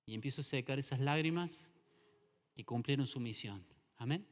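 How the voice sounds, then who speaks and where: A man with an Argentine accent preaching a sermon as pastor, swinging from a hushed, intimate murmur to loud, fervent exhortation. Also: medium pitch, normal speed. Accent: Argentine Spanish. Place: church hall. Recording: livestream in a reverberant church hall.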